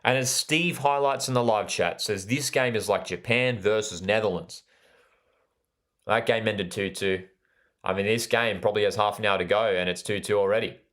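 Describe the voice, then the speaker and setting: Hosting a live football watchalong, an Australian-accented man comments on the action and chats with viewers, enthusiastically repeating phrases to stress them. His voice is on the low side and fairly bright, at normal speed.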